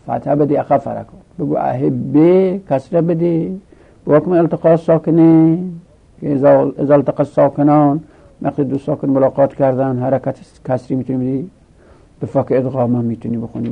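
Gravelly man teaching grammar, tinny recording. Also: medium pitch. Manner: methodical, reciting conjugation tables. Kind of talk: classroom grammar lesson.

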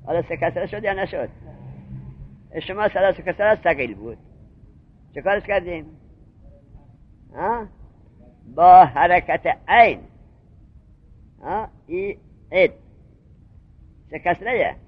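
Teacher, male, high lively voice, breathy, muffled lo-fi lecture tape, quizzes the room. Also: long pauses. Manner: questioning, repeats points to drill students. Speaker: seminary teacher. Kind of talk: classroom lecture on Arabic grammar.

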